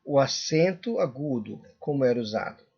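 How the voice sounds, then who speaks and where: A man's voice: mid-range voice, expressive, normal speed, husky. Male teacher in a dull lo-fi recording. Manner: checks in constantly with "correto?" and "tudo bem?". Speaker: Portuguese teacher. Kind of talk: classroom lecture.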